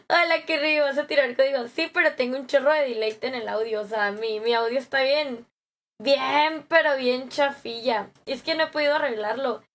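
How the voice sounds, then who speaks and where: A young Mexican woman streaming live, chatting with viewers in a bubbly, slangy way, her voice a little hoarse from a sore throat. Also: high-pitched, a bit bright. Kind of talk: live stream chat, greeting viewers and reading comments.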